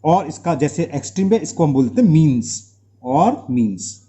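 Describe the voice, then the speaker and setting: Speaking at a normal speed, this Indian-accented man has a fairly high, mellow, sing-song voice as he runs a maths lesson. He quizzes the class with rhetorical questions and repeats terms to drill them in, though mouth sores make talking slightly difficult for him.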